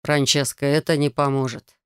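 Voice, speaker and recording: A woman voicing a calm, patient young male prince mage who speaks in a soft, even, condescendingly gentle tone. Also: rumbling low, normal speed, smooth, dry recording, clean studio sound.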